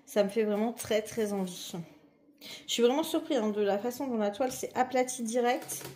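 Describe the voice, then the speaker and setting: A woman's voice: fairly high pitch, normal speed, a little mellow. A woman chatting casually and eagerly while she unboxes a craft kit, with many fillers and restarts. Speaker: diamond painting vlogger.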